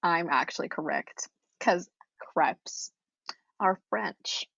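A woman with a low, gravelly, husky voice co-hosts a podcast. She teases her partner with dry quips in relaxed casual chat. The recording sounds dry and slightly muffled, like a lo-fi home mic. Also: slow, dry recording. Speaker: podcast co-host.

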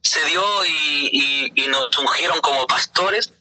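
A middle-aged man, a pastor, telling his personal faith testimony in an earnest, halting way with many hesitations. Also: a little high, bright, forceful tone, rough recording.

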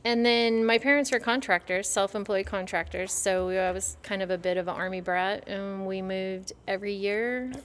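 A woman's voice: medium pitch, steady tone, normal speed, hardly any pauses, a little hiss or hum. Blunt woman guest, casual podcast chat. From Southern California. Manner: blunt, self-deprecating banter.

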